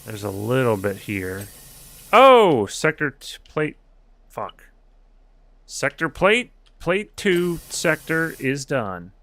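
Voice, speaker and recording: Man, streamer, joking, swearing, casual gameplay talk, tense bright tone. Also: mid-range voice, sing-song, slow. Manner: chatty, joking, profane. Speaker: streamer playing a video game.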